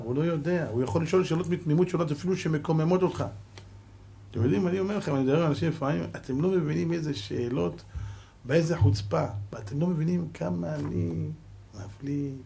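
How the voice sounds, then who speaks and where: Brief: rabbi preaching, lifted pitch, punchy questions and quiet asides. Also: male voice, creaky, slight background noise. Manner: emphatic, rhetorical questions, dropping to a hush for effect. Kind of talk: sermon.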